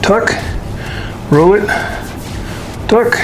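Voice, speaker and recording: Talking very slowly in a mid-range voice, the host of a paranormal show casually walks the camera through a baking demonstration in a folksy, jokey way. There's background noise in the recording.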